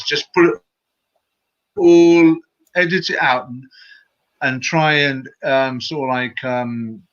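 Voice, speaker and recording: A man on a podcast panel speaking hesitantly, pausing with "um" as he searches for words. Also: medium pitch, fairly bright tone, highs cut off. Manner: hesitant, full of "um" fillers while searching for words. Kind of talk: casual panel discussion.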